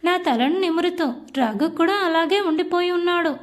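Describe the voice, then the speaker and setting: High-voiced woman narrating a story. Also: normal speed. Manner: emotional first-person storytelling. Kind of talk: scripted audiobook narration.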